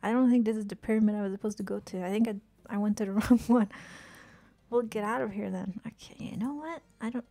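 A woman streaming a video game, chatting casually, swearing often and reacting with quick exclamations. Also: mid-range voice, warm tone. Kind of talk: casual live-stream commentary while playing.

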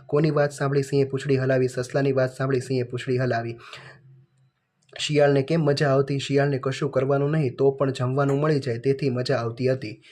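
Man, teacher, workbook walkthrough, monotone list reading, middle pitch. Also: fairly quick. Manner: reads answers in a flat, list-like way.

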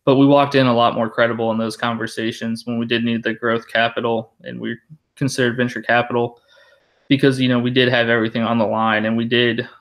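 A man's voice: medium pitch, little pitch movement, a little fast, a bit bright. A man in his thirties, a company founder, speaking candidly and plainly on a panel over a video call from a living room, often saying "you know". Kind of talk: panel discussion answers. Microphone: webcam on a video call.

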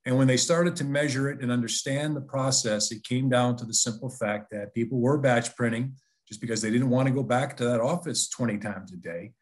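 Male webinar presenter, conversational and persuasive, average pitch. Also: a little fast. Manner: conversational, persuasive, with frequent restarts.

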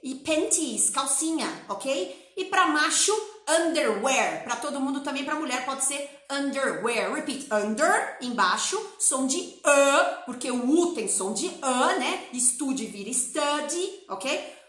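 A woman from Brazil teaching an English lesson in a lively, chatty way, repeating words and phrases for her students. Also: sits high, measured pace, echoey room. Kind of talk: lively classroom-style language lesson.

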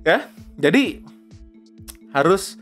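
A man's voice: high voice, big pitch swings, extremely slow, fairly bright tone, faint music behind. A young man giving a casual spoken tutorial on voice-over, chatty, often tagging "ya" and "oke", dropping in English phrases. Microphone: close lapel mic.

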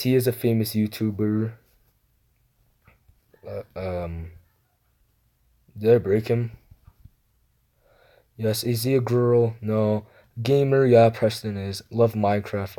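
Captured with a phone screen recorder, a young gamer reads out questions from a guessing game and answers them in a dark-toned, mumbled, low-key way. He perks up whenever a new round begins.

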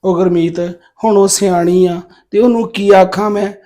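A man's voice: high-pitched, fairly even intonation, moderate pace, dark tone, natural voice. An actor playing a young husband caught between his wife and mother, placating and pleading. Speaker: husband and son. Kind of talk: Punjabi family drama acting.

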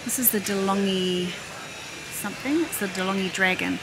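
Browsing a big warehouse store, a chatty middle-aged woman narrates her shop-along vlog at a moderate pace, musing out loud about what she sees. Someone behind a handheld camera records her amid a noisy hum and the store's loud rumble.

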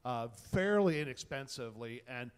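Talking informally and with enthusiasm, a man on a panel, a tech content creator, addresses a small audience at an indoor event. His medium-pitched voice is smooth and expressive at a moderate pace, in a reverberant room.

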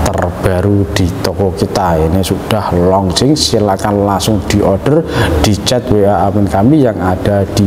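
A middle-aged man giving a product sales presentation as a shop presenter, with a salesman's pitch full of repeated praise and filler tags. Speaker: shop presenter selling air rifles. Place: indoor shop room with display walls. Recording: echoey hard-walled room, clear background noise.

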